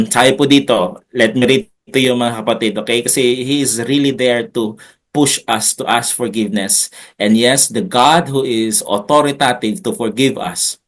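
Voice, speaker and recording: A man pastor teaching a Bible lesson in an unhurried, chatty preaching style, with jokes and asides to his listeners. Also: mid-range voice.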